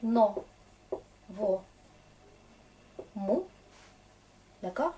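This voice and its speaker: Slow, mellow-voiced woman teacher. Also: medium pitch, lively intonation, distant mic, slight background noise. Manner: chatty, encouraging, checks in with "d'accord?". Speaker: Russian teacher. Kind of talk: casual lesson explaining grammar.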